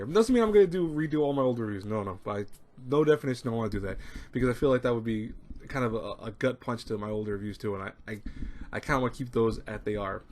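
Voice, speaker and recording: A man's voice: medium pitch, slight background noise. A man of thirty talking casually to his webcam from a small room at home, rambling and repeating himself with lots of fillers. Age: 30s. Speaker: anime review channel host. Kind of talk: casual talk to camera. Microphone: webcam at desk. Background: people talking nearby.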